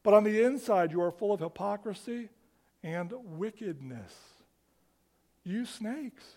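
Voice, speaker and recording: A man preaching a sermon, with quick rhetorical questions and humorous asides, dropping to a hush on key words. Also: high voice, animated. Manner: rises and falls for emphasis, drops to a hush on key words. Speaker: pastor.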